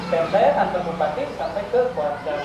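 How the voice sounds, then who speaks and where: Brief: man in his twenties, teacher from West Java, unhurried storyteller, recorded far from the mic with background noise. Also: on the high side, animated. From West Java, Indonesia. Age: 20s. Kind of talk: casual school talk. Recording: echoey room, distant mic, noisy.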